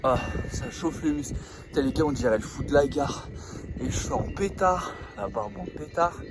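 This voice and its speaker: A man's voice: on the high side, expressive, moderate pace, vocal fry, loud music behind the voice. A man vlogging casually outdoors, joking and swearing in loose slang as he talks to the camera. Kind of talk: casual outdoor vlog chat. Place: outdoors on a mountainside.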